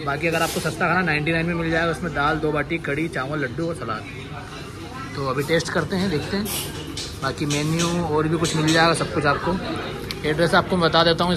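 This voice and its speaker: A man's voice: on the high side, fairly even intonation, brisk, crowd noise, noisy background. A young man vlogging in a restaurant, chatting to viewers and reading out menu items and prices. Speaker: food vlogger. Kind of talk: casual food vlog. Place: busy indoor restaurant and street outside.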